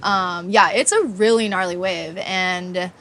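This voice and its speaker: A professional surfer from Hawaii, a woman in her thirties, chats in a laid-back interview on a beach outdoors, peppering her speech with "like." Her lowish voice is steady, a bit bright, and slightly slow, with music playing in the background.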